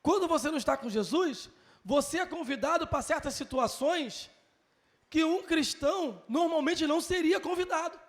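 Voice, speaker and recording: A man's voice: very high-pitched, lively intonation, normal speed. A man with a Brazilian Portuguese accent teaching a Sunday school Bible lesson, earnest, repeating key phrases and calling listeners brother.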